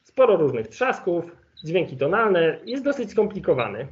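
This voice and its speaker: A man giving an online lecture with slides as an ornithologist, explaining in a relaxed way and thinking aloud with fillers. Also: high voice, moderate pace. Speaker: ornithologist giving a webinar presentation. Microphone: video call. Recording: lo-fi video call audio.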